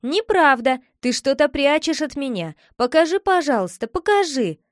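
A woman's voice: sits high, expressive, a little slow, no room sound, studio quality. A woman voicing a curious young boy who keeps begging his sister to show him a secret, wheedling and insistent. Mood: pleading.

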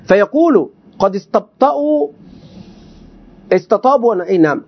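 A man teaching a classical text to students in a lecture, explaining words and quizzing them with questions. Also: high voice. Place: teaching session with students present. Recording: dull lo-fi recording.

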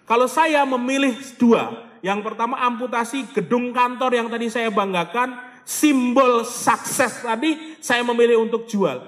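A man giving an animated motivational sermon, dropping in Javanese and Arabic phrases and acting out people praying. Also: very high-pitched, a little slow. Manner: animated, acts out voices of people praying and pleading. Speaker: motivational preacher. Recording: long hall reverb.

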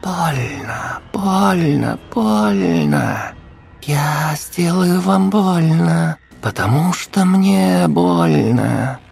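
A man voicing a pale-haired young psychopath turning into a monster, hissing in a whisper and then shrieking high. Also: lively intonation, drawn-out words, vocal fry, a little mellow, breathy edge, faint music behind, exaggerated voice. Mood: shrieking pain. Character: young male psycho turned monster, giggling.

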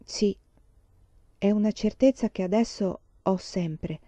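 Mary, a woman reading a gentle pious blind girl. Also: medium pitch, slow pace, dry recording.

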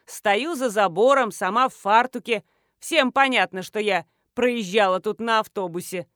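A woman's voice: mid-range voice, moderate pace, a bit bright, no room sound, studio quality, natural voice. A woman doing a coarse, scolding village mother-in-law. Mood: scornful. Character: rude loud middle-aged village mother-in-law.

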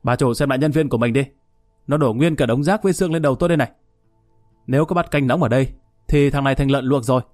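A man voicing a rowdy young customer who insults the staff brashly and fast. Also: mid-range voice, darkish tone, dry recording, studio quality, faint music behind, natural voice. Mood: indignant.

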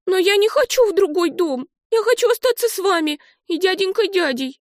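A woman voicing an excitable, lively little girl who talks in an eager, high, bright way. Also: a little fast, no room sound, clean studio sound. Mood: upset.

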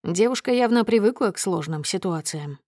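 A woman narrating a dramatic first-person story in a mid-range voice. Her delivery is steady and tense. The recording is dry and close. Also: mid-range voice, moderate pace, dry recording. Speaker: audiobook narrator.

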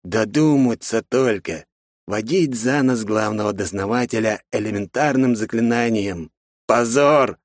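A bossy, scolding academy director, as a male narrator puts him on barks his orders and stretches out words for weight. His voice sits a little higher than the reader's own, slightly low for a man and very dry, with no room around it. He sounds like a man used to being obeyed. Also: no room sound, close to an everyday voice. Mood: angry. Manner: barking, scolding, drawn-out emphasis. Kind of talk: audiobook character voice.

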